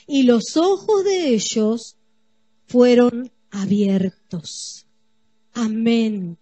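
Woman pastor preaching slow, high voice, dry close sound, keeps calling out to the church. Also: dark tone, no room sound. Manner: emphatic, repetitive preaching that addresses the congregation. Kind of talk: sermon.

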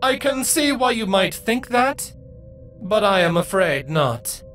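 A regal female changeling queen speaks with measured, courteous poise, as a male narrator raises his voice to play her. Her lines sit well above his plain narrating voice, with a faint bed of music behind. The tone is stately and composed, every word unhurried. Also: sits high, very animated, fairly bright tone, voice pushed up, exaggerated voice. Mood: cordial.

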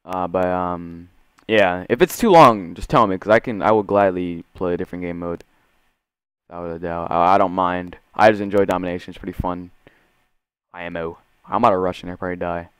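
Young gamer bro with a clear voice. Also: male voice, low voice, a little fast, no room sound. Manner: slangy gamer bro talk, full of "dude" and "bro"; swings between muttering and excited shouts. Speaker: gaming video creator. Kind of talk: casual, profane video game commentary.

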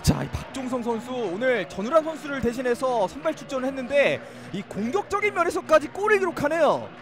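A man with a high, lively voice works as co-commentator on a live football match. He adds enthusiastic analysis and exclaims at chances, with very varied intonation. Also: fairly quick, music in the background.

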